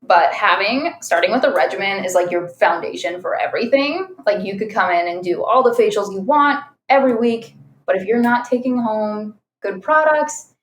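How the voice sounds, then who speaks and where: A chatty woman talking about skincare work in a relaxed podcast chat, full of fillers. Her mid-range voice sits in a roomy, echoing space. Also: mid-range voice, normal speed, a little hiss or hum. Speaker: esthetician. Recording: roomy echo.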